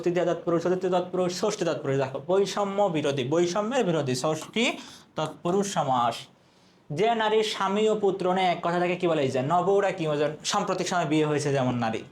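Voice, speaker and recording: A man's voice: sits high, a little fast. A young man teaches an exam prep lesson. He keeps asking questions and answering them himself.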